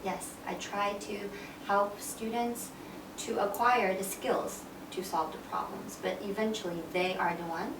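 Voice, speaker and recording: A woman from China working as a school counselor, answering interview questions in a soft, thoughtful way. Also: medium pitch, fairly even intonation, unhurried, far from the mic. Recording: roomy, off-mic with background noise.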